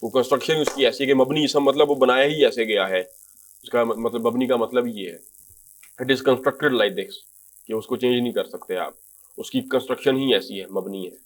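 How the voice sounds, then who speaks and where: This is a man leading a grammar lesson at an everyday medium pitch. He reads short example phrases, repeats them and translates them one by one in a patient, explanatory way. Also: fairly even intonation. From Pakistan. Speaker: Arabic language teacher. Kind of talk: grammar lecture in Urdu.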